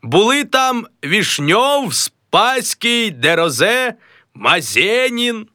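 A man's voice: high-pitched, very animated, very slow, sharp tone, no room sound, studio quality, voice pushed up, exaggerated voice. A man doing a pompous clerk, Mazailo. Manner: self-important, tries several greeting voices. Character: pompous middle-aged man rehearsing a grand new name.

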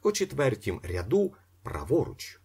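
A man voicing a brisk auctioneer who calls out bids in drawn-out, ringing announcements. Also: mid-range voice, wildly swooping pitch, creaky, a little mellow, breathy edge, pitched above the performer's own voice, exaggerated voice. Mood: announcing.

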